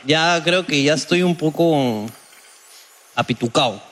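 A man's voice: a little high, unhurried, a bit bright, long reverb tail. Rambling young man telling a story. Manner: rambling, storytelling with many fillers. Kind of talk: casual comedic chat.

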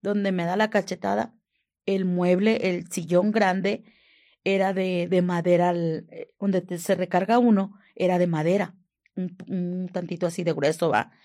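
Woman, northern Mexican accent, low gravelly voice, dark mellow tone, hushed halting testimony. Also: fairly even intonation. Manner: hushed, often dropping to a whisper, frequent tag questions; halting, with repeated restarts. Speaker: survivor giving testimony. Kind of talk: personal testimony.

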